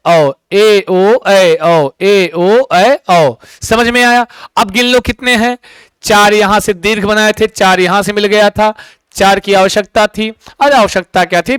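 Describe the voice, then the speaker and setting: A male teacher giving an exam coaching lecture in a lively way, often asking his students questions. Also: sits high, clean tone, no room sound, poor audio.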